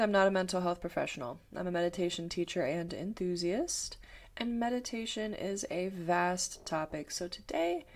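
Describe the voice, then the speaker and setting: A woman meditation teacher calmly explaining guided meditation to her viewers. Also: lowish voice. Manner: slow, calm, thoughtful explaining. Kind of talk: talking-head explainer video.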